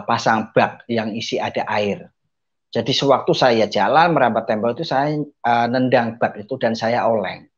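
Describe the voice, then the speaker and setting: A man giving an earnest personal testimony, telling his story to listeners he keeps calling brothers and sisters, with hesitant fillers along the way. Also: fairly low pitch. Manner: hesitant fillers mid-sentence. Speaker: testimony speaker. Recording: dull, muffled lo-fi audio.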